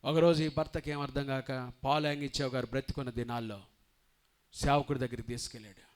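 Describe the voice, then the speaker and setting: A man preaching a storytelling sermon as pastor, acting out the dialogue, swinging between loud cries and hushed tones. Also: mid-range voice, fairly even intonation, fairly quick. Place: church.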